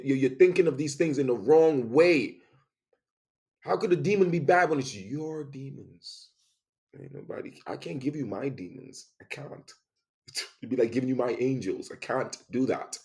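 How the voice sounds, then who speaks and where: A man with a lowish, gravelly voice delivers a fervent spoken monologue. He circles back on his own phrases, pressing a point again and again. His delivery lurches between loud emphatic bursts and quiet, low asides. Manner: intense, emphatic, repeats phrases, swings between loud and soft.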